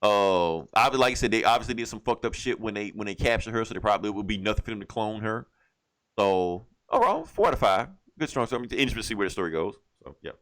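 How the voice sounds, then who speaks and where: With a lowish, expressive voice that's quick and a bit bright, a man co-hosting a comic book review podcast tells a rambling, slangy story. He swears now and then and briefly acts out lines as he goes.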